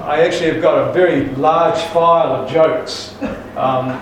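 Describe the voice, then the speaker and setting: Man preacher, folksy and emphatic, higher pitch, distant mic in an echoey church hall. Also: fairly even intonation, normal speed, background noise. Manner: folksy joke-telling with restarts, emphatic. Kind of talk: sermon with jokes.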